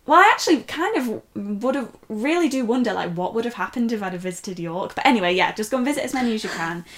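A woman's voice: fairly high pitch, lively intonation, fast, a bit bright. A young woman from North West England chatting casually as a co-host, talking at length and laughing often as she tells her story. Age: young adult. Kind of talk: casual chat.

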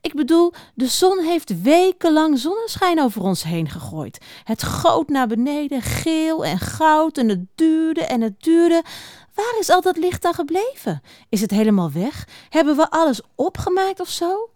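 An excited little field mouse squeaks out eager questions, high and bright, as a woman reads her aloud. Her voice leaps up and down in a storybook telling, close and dry. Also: measured pace, dry recording.

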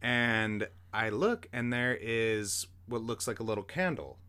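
A man's voice: fairly low pitch, lively intonation, measured pace, pushed and bright, clean tone. A young man, a podcast host, telling a story in a rambling, casual way, full of fillers and the odd swear word.

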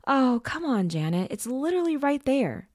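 A woman's voice: high voice, big pitch swings, moderate pace, darkish tone, dry recording, voice pushed up. Give me a defiant young boy in a spoken story, played by a woman, whiny and sneering, dry close sound. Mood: whining. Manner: whiny, mocking.

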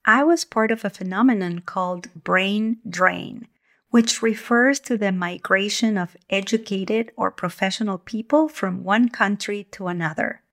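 A woman, hosting her podcast as a communication coach in a calm, measured, gentle way. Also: mid-range voice. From Argentina. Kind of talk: scripted podcast monologue.

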